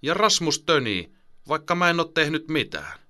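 A man's voice: on the high side, big pitch swings, bright, forceful tone, no echo, studio quality, voice pushed up. A man voicing a defensive, teasing older brother in an audiobook, with a snappy manner. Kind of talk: audiobook character voice.

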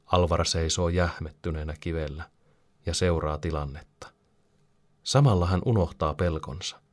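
Brief: low-voiced male narrator, calm storybook delivery. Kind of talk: storybook reading.

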